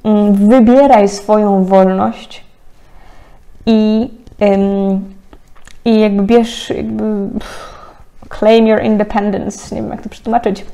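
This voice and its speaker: A woman in her thirties talks through a card reading in a relaxed, chatty way, often breaking into laughter. Her voice is mellow and dark. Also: mid-range voice, slow, vocal fry, long pauses. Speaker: tarot card reader. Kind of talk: casual spiritual card-reading talk.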